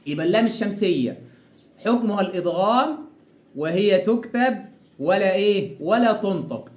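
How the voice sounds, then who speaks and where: A man with an Egyptian accent teaching Quran recitation rules, asking questions and answering them himself, and drawing out each example word slowly. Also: sits high, a little mellow, reverberant. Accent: Egyptian Arabic. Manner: asks and answers his own questions, stretches example words slowly. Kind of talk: tajweed lesson.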